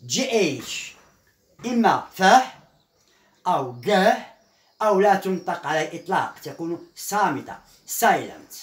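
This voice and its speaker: Slow, patient woman teaching in an echoey room. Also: on the low side, animated. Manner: slow, patient, repeats each sound several times. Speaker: English teacher. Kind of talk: beginner language lesson at a board.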